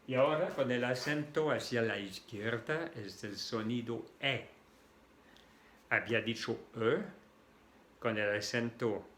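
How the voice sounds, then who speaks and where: French-accented male tutor, unhurried, roomy echo. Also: fairly low pitch, a bit bright, a little hiss or hum. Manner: spells out letters and repeats sounds patiently. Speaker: French teacher. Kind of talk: slow language lesson.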